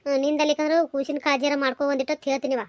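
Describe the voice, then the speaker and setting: Dry close mic. A woman doing a fussing, caring village mother, voiced high and fast. She coaxes and nags over and over, as in a homemade cartoon. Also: little pitch movement, dry recording, natural voice. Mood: coaxing. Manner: coaxing, nagging, talks over and over. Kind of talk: cartoon voice acting.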